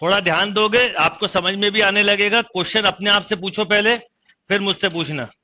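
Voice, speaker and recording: A man's voice: sits high, brisk, bright, forceful tone, dull audio. A man teaching a math lesson online, explaining step by step and quizzing his students as he goes. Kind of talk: online exam-prep lecture.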